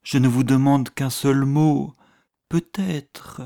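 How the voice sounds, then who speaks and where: A man voicing a scheming, fawning prince who talks in a soft, wheedling way, in an audiobook reading. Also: medium pitch, steady tone, slow pace, creaky. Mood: coaxing. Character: smooth, scheming middle-aged male prince, fawning.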